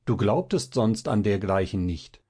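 A man's voice: on the low side, expressive, measured pace, warm tone, slightly rough, pitched below the performer's own voice. A male reader voicing a worried young man who asks urgently and earnestly in an audiobook.

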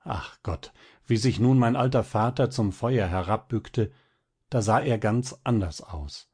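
Husky-voiced man reading a tale dramatically. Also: lowish voice, measured pace, a little mellow. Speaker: narrator. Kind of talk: literary audiobook reading.

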